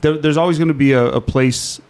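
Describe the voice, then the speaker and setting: A man's voice: a little high, steady tone, fairly quick, a little mellow, clean tone. A man hosting an interview, asking questions in a friendly, conversational way and often showing appreciation. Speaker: host. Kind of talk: casual interview chat.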